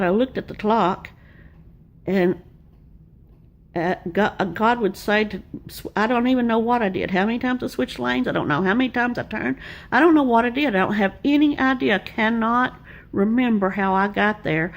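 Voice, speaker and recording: A woman's voice: mid-range voice, creaky. An older woman, giving a homespun devotional sermon and telling personal stories in an earnest way. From Arkansas, US. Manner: earnest, homespun storytelling with repeated refrains. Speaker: Bible teacher.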